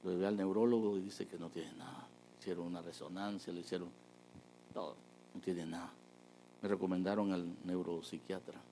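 A man preaching a testimony, telling a story with lively energy and acting out the people he quotes. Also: deep voice, brisk, slight background noise, rough recording. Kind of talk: sermon testimony.

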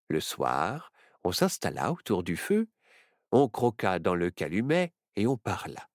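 A storyteller reading a children's adventure story aloud with expressive narration. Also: medium pitch, no echo, clean studio sound.

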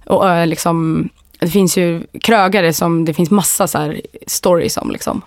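A woman's voice: lowish voice, fairly even intonation, a little mellow, no echo, studio quality. A woman with a Stockholm accent telling anecdotes in a frank, colloquial way as a podcast co-host. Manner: frank, colloquial, crude humour. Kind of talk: casual chat, telling anecdotes.

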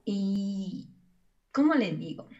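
A woman's voice: medium pitch, very animated, takes it slowly, a little mellow, lo-fi sound. A young woman asking for advice, hesitant and searching, with many restarts. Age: young adult. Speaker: advice seeker. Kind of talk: casual conversation.

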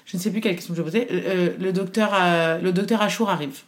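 A chatty woman with a fairly low, quick voice shares her birth story as a guest in a casual chat. She tells it animatedly, quoting others and leaning on frequent fillers.

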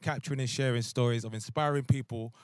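A man's voice: mid-range voice, steady tone, quick pace, clean tone, no echo. A man with a London roadman accent hosts a casual group podcast. He talks in loose, slangy street banter, recorded close and dry with little room sound. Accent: London, urban roadman. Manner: slangy street talk, calling people bruv and mandem. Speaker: podcast host. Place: in a large open stadium, on the pitch.

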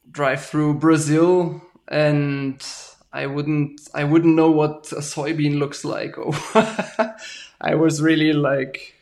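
A man, a farmer guest talking casually and haltingly, often ending with "right?". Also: a little high, creaky. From Germany. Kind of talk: casual interview talk.

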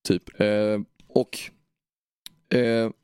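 A man's voice: medium pitch, clear, resonant tone, no echo. Emphatic young podcast man. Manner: animated, emphatic, swears casually, uses fillers. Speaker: podcast co-host. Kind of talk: casual chat.

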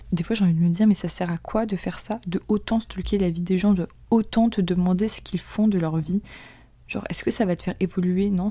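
Chatty and slangy, this young adult woman, a native French speaker, hosts a podcast as a casual confessional monologue and frequently drops into soft whispers. Her voice is on the low side, and the recording is dry.

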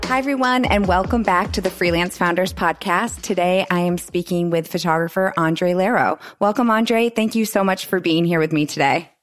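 A woman's voice: on the low side, moderate pace, hardly any pauses, soft background music. A woman hosting a podcast with upbeat, friendly, scripted-sounding introductions. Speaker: podcast host.

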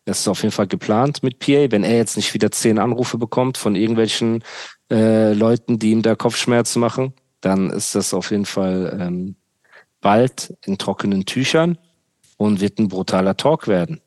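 A man's voice: on the low side, normal speed, a little mellow, dry recording. Dry-sounding sarcastic young man ranting. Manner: sarcastic ranting, street slang. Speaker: podcast host. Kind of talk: casual podcast chat.

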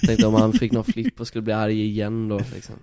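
A man telling stories in a casual podcast chat, animated, swearing casually and acting out the quotes. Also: fairly low pitch, clean tone, dry recording, studio quality.

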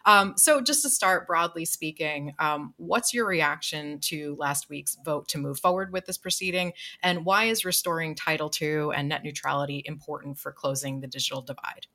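A woman's voice: deep voice, bright, forceful tone. A woman with a Queens, New York accent hosting an interview podcast. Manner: fast-talking. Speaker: podcast host. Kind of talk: podcast interview with prepared introduction.

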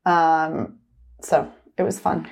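A middle-aged woman speaks as an interview guest in a slightly low voice. Her talk runs fast and loose, stitched together with "like" and tag questions such as "right?". She sounds like someone explaining her own work in conversation. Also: steady tone, vocal fry, darkish tone, slightly rough. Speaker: retail executive guest.

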